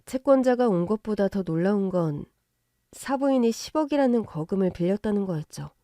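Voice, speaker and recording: A middle-aged woman calmly narrating a first-person story in a scripted style. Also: mid-range voice, brisk, no room sound, studio quality.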